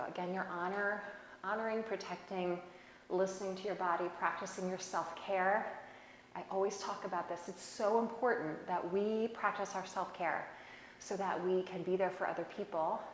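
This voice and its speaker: A woman teaching a slow-flow yoga class, giving calm, encouraging cues and laughing off small mishaps. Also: medium pitch, a little hiss or hum. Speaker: yoga instructor. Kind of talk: guided yoga class instruction. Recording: echoey room with long reverb.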